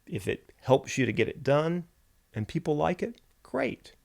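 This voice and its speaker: A man's voice: fairly high pitch, sing-song, a little slow, vocal fry. A man, a writer, delivering a reflective spoken essay in a musing, wry and self-deprecating way.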